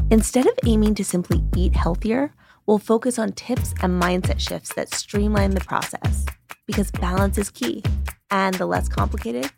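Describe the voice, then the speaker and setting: A woman reading a polished, scripted promo for her new show. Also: mid-range voice. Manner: bright, polished ad delivery. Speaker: show announcer. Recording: voice over clear music bed.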